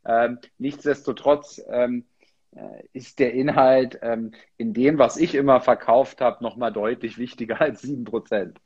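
Husky-voiced man hosting, dull lo-fi sound. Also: medium pitch, fairly even intonation, a little slow, a little mellow. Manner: hesitant, many filler sounds. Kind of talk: podcast interview.

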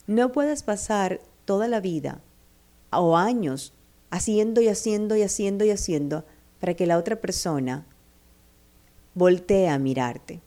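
Woman, motivational speaker, warm mellow voice, emphatic direct address to the listener. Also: lowish voice. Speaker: self-help speaker. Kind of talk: motivational talk.

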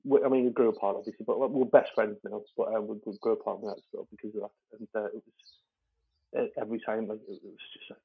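Comedian guy rambling thru a story fast, flat voice, tinny phone-ish sound. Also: lowish voice, vocal fry, breathy edge. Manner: rambling, with frequent fillers and restarts; swears freely and laughs while talking. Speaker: stand-up comedian guest. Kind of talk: casual candid storytelling. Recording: lo-fi phone-like audio.

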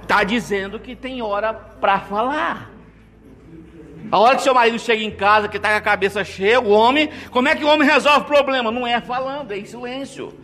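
A man preaching a lively marriage sermon, joking and calling out to the congregation as he acts out little scenes. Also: sits high. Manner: animated, jokey, calls out to congregation. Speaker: pastor.

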